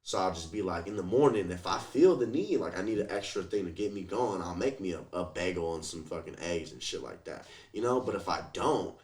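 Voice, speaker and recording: Speaking briskly with hardly any pauses, this man has a low, slightly mellow voice and lively intonation. As an interview guest he tells stories in a casual, animated way, swearing, using slang, acting out quotes, and leaning on "like" and "you feel me."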